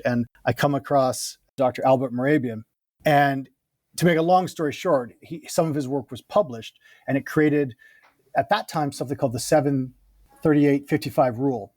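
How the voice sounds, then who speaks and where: A man who works as a communication coach, explaining his method in a lively, chatty way as an interview guest. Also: mid-range voice, no echo, studio quality. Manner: lively, explanatory, quick bursts and laughs. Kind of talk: casual interview talk.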